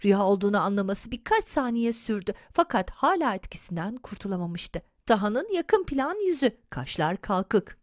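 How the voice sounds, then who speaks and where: A woman narrating a children's comic book, describing the pictures and the page layout in a measured, careful reading voice. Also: a little high, no echo, clean studio sound.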